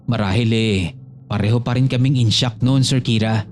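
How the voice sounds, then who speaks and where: A man's voice: mid-range voice, normal speed, a little hiss or hum. A man narrating a true horror story submitted by a listener, reading it in the first person as a scripted storytelling piece. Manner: storytelling, reads a listener's letter addressed to the host.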